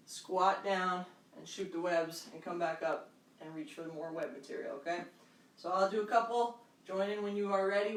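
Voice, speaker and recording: An aerobics instructor leading a workout, counting out moves and cueing them in short, encouraging phrases. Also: medium pitch. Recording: echoey room, distant microphone.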